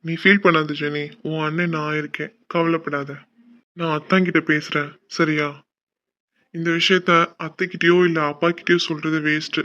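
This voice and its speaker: For a cartoon, a man voices a caring older brother who coaxes and reassures his sister. His voice sits high, fairly quick and a bit bright, captured in dull lo-fi audio.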